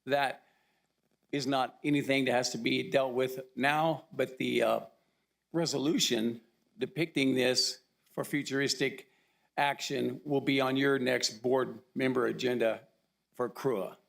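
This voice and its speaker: A man with a hoarse, gravelly voice gives a formal report at a county commission meeting. He pauses often and fills the gaps with uh and um, and his voice catches in a rough fry. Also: medium pitch, fairly even intonation, fairly bright tone. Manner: halting, with frequent uh and um.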